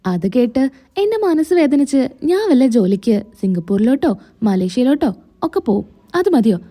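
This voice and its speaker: A woman's voice: high-pitched, very animated, normal speed, dark tone. A woman retelling a serial, voicing a playful young wife who teases and coaxes. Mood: teasing.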